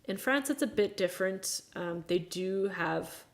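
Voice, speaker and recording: A woman's voice: mid-range voice, expressive, unhurried, gravelly. A woman in her thirties from the United States, hosting a casual live chat, talking frankly with exasperated, sarcastic asides. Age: 30s. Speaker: livestream host.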